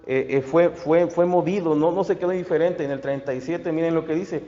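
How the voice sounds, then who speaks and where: A man's voice: on the high side, mellow. Male pastor, stop-start preaching full of fillers, roomy reverb, dull sound. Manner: halting, many fillers and restarts. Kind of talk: sermon. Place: church. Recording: echoey hall, dull lo-fi sound.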